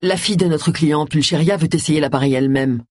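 A reader voicing a grave, calm older male detective who used to be a cop, in an audiobook. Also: a little high, fairly quick, no echo, clean studio sound, natural voice.

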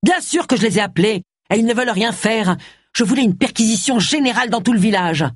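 A woman's voice: fairly high pitch, expressive, fast talker, breathy edge, no room sound, studio quality, voice pushed up. Woman voicing a blustering furious man. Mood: angry. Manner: angry, blustering. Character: hot-tempered middle-aged man, gardener.

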